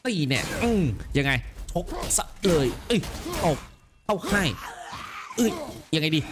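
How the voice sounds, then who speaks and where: A man's voice: sits high, animated, measured pace, noisy background. A man giving casual gameplay commentary, thinking aloud as he plays. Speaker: let's play host.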